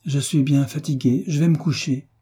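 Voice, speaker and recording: A man's voice: fairly high pitch, fairly even intonation, normal speed, slightly rough, pitched above the performer's own voice. A man voicing a shy young girl. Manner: soft, wistful.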